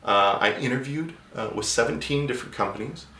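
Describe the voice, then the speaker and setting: A native English speaker gives casual, conversational job-search advice in a vlog, frequently restarting his sentences and leaning on filler words. His mid-range voice is fairly quick with a sharp tone. The sound is roomy.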